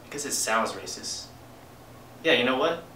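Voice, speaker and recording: A man's voice: medium pitch, lively intonation, moderate pace, sharp tone. A young man acting in an amateur student skit as a frustrated actor at an audition. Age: young adult. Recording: roomy, distant, faint noise.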